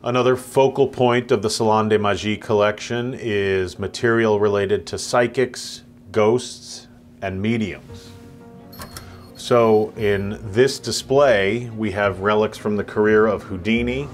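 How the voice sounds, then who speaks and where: A man with a fairly low voice leads a guided tour through indoor rooms of a collection. He speaks in a measured, descriptive way, pausing now and then to find his words, while soft guitar music plays faintly underneath. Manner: measured, descriptive, occasional hesitations. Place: indoor private museum rooms.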